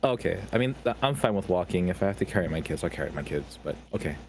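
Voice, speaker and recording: A man's voice: low voice, lively intonation, quick pace. A man playing his tabletop character, talking hesitantly with stammering restarts. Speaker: player. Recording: faint background noise on the mic.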